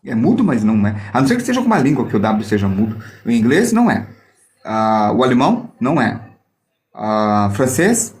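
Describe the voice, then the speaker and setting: A man's voice: medium pitch, sing-song, fairly quick, a little mellow. A man teaching a drawing lesson on reflections, explaining step by step and joking with viewers as he demonstrates with a mirror. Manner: playful, jokes with viewers while demonstrating. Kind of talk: live online art lesson.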